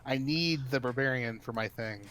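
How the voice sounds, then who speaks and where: A man playing a tabletop game, animated and prone to loud laughter. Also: mid-range voice, normal speed. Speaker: player. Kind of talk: casual game chat. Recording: faint room noise.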